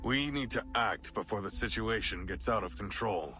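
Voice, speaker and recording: An actor playing a stern male deputy police chief in a game, speaking in a firm, measured, authoritative way. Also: on the low side, lively intonation, pushed and bright, husky, faint music behind, exaggerated voice. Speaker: game character voice. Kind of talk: voiced game dialogue.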